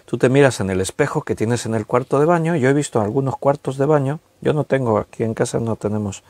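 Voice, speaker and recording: Male preacher, mid pitch, chatty sermon delivery with slow emphatic words, dry close sound. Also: a little mellow, dry recording. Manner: conversational, stretches key words slowly for emphasis. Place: recorded at home with a tablet.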